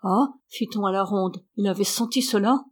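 A woman's voice: mid-range voice, moderate pace. Woman reading a novel aloud. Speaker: narrator.

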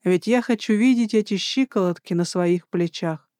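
A narrator voicing a bold, flirtatious male army major in an audiobook, low and teasing. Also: normal speed, a little mellow, smooth, no echo, studio quality, natural voice. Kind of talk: audiobook dialogue.

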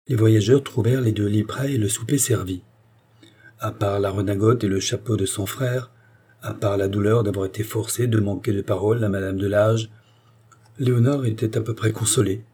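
Guy reading an audiobook, low dark voice, slow and steady. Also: slightly rough. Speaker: audiobook reader. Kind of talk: audiobook narration.

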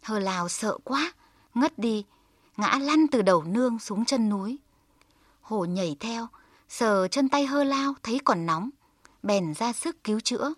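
A woman narrating a folk tale in a calm, measured storytelling manner. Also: on the high side, no room sound, clean studio sound.

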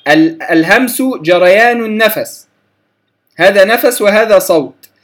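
A man teaching Quran recitation, slowly repeating letter sounds to contrast wrong and right pronunciation. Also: sits high, expressive, fairly bright tone. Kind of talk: lecture on letter articulation.

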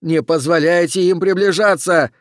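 A man voicing a stout, panicking police captain who shouts orders and whose voice cracks to a squeal. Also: a little high, normal speed, no room sound, studio quality, voice pushed up, close to an everyday voice. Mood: panicked shouting.

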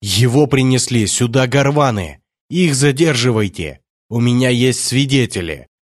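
A man voicing an arrogant count who shouts in contempt and rage while being arrested. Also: medium pitch, moderate pace, dry recording, studio quality, close to an everyday voice. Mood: indignant shouting. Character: arrogant angry male count under arrest.

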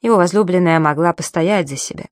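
A woman narrating a novel in a measured, storytelling manner. Her voice sits on the low side and the recording is dry and close, with no room sound. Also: no room sound. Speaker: audiobook narrator. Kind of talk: audiobook narration.

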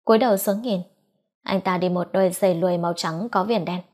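A woman's voice: fairly low pitch, fairly even intonation, a little fast, a little mellow. Woman narrating a romance audiobook. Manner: reads all characters' dialogue in a near-normal voice. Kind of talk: scripted narration of a romance novel.

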